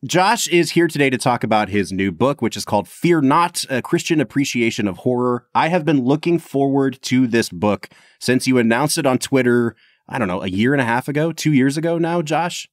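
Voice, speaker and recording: Animated man co-hosting a podcast. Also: medium pitch, moderate pace, no room sound, studio quality. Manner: playful, animated hosting with laughs. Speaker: podcast co-host. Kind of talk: casual podcast chat.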